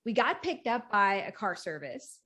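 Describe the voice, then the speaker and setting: A woman's voice: medium pitch, very animated, normal speed, a crowd in the background. A woman chatting casually as an interview guest, telling her own story in an easygoing conversational way. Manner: smiles and laughs often. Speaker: wrestling ring announcer and commentator, interview guest.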